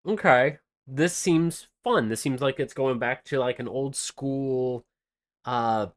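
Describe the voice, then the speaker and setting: Speaking slowly in a medium-pitched voice, a man co-hosts a podcast and presents game news, chatting casually about games and rambling through numerous fillers and restarts.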